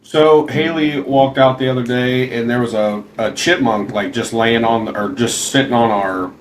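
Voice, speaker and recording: A man co-hosting a podcast, telling halting, rambling anecdotes. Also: medium pitch, a little hiss or hum, rough recording. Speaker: podcast co-host. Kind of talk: casual storytelling.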